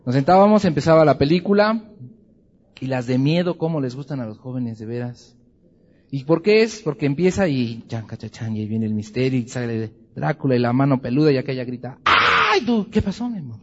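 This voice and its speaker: A man's voice: mid-range voice, fairly quick. A man teaching a Bible class with humor, acting out little scenes. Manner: humorous, lively, acts out scenes. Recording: dull lo-fi recording in a reverberant hall.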